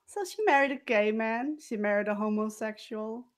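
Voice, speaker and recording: Playing a murder mystery role-playing game, a woman narrates in character as a haughty, scheming former cabaret dancer. Her delivery is theatrical and deliberate, full of dramatic pauses and swells, and her voice is a little high.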